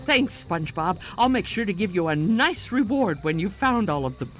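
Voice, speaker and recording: A woman's voice: medium pitch, big pitch swings, normal speed, natural voice. A woman voicing a middle-aged female pufferfish teacher in a cartoon game, nervous, hesitant and polite. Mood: relieved.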